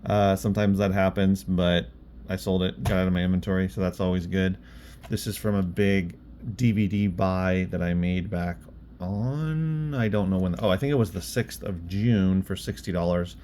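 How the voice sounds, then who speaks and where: This vlog host, an online reseller and bookstore owner, talks about his own work in a relaxed, think-as-he-goes way. He speaks low and warm at a moderate pace, with clear background noise on the recording.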